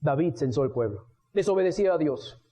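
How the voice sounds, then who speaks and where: A man preaching a sermon, telling the story in an animated way and acting out scenes. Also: on the high side, a little fast. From Venezuela. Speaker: pastor. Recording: dull radio broadcast recording.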